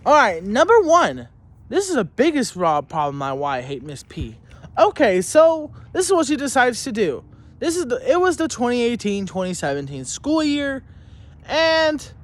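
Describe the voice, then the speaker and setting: A young man, a student, ranting angrily to camera about teachers, rambling, swearing heavily and restarting his sentences. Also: high voice. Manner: heated and indignant, mocking in tone. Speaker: student telling a school story. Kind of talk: angry profane rant to camera.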